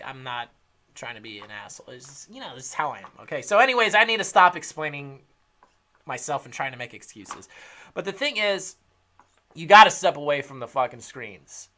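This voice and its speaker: Guy ranting about trading to the cam, cussing nonstop, bright edgy voice, gets loud then drops low. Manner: blunt and heavily profane; swings between loud emphasis and low muttered asides. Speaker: trading educator. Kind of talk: casual unscripted rant to camera.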